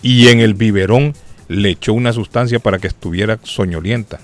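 A man's voice: on the low side, fairly quick, soft background music. A man hosting a casual live radio chat show. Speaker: radio host.

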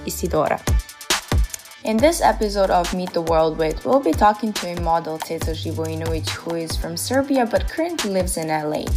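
Lower-voiced woman hosting over music. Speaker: podcast host. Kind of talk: scripted podcast intro.

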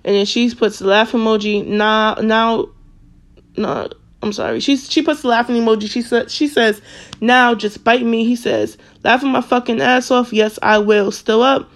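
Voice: mid-range voice, steady tone, moderate pace. Casual slangy storyteller, filler-heavy delivery. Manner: casual and slangy with frequent fillers and self-corrections. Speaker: social media commentator. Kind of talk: casual storytime, reading text messages aloud.

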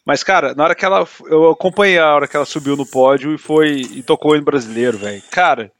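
A man's voice: a little high, fast talker, no echo. A man in casual podcast chat, talking in a heated, indignant way and filling his speech with slang.

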